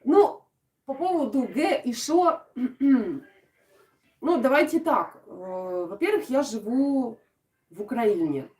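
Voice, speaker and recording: Slow and expressive with long pauses, a woman's slightly high voice answers viewers' comments during a casual craft live stream. She comes from Odesa and her Russian carries a southern Ukrainian accent, softening g and saying "sho"; she's chatty and warm, laughing often and filling her speech with fillers. The sound is roomy, from a distant microphone.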